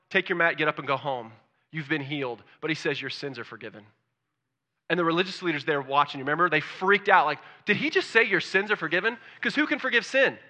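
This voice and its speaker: A male pastor preaching a conversational sermon, often asking the congregation questions and swinging from loud excitement to soft, hushed tones. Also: a little high.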